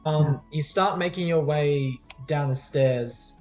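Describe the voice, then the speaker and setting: A man with a fairly high voice runs a tabletop game. He narrates casually, improvising as he goes with some hesitation. The recording is a bit dull, with faint music behind him. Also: takes it slowly, darkish tone. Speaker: game master. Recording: dull lo-fi audio, music underneath.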